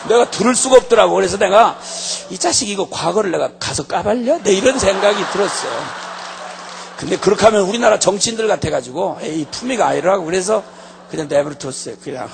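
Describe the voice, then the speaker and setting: Animated, high-pitched gravelly male preacher. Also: slight background noise. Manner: lively storytelling with comic asides. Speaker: pastor. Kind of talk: sermon.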